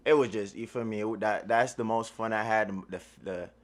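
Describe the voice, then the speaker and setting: Speaking at a moderate pace with a lowish voice and fairly even intonation, a Jamaican-accented man chats as an interview guest. He owns a media platform, and his laid-back slang keeps circling back to "you feel me."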